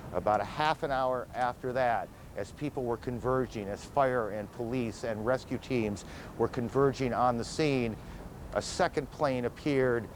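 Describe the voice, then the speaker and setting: News anchor guy walking through breaking news calmly, medium voice, faint hiss. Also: mid-range voice, rough recording. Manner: measured, steady summary.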